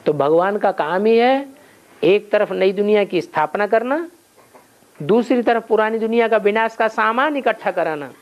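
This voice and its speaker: A man's voice: sits high, animated, normal speed. A man leading a spiritual class, answering questions and posing rhetorical questions he answers himself. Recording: dull lo-fi recording with faint noise.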